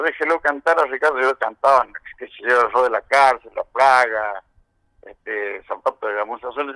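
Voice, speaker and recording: Older Argentine man with a bright voice. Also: medium pitch, no room sound, rough recording. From San Juan, Argentina. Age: 70s. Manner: long storytelling turns full of "este" and "eh". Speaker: interviewee, veteran rock musician. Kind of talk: reminiscing interview answers.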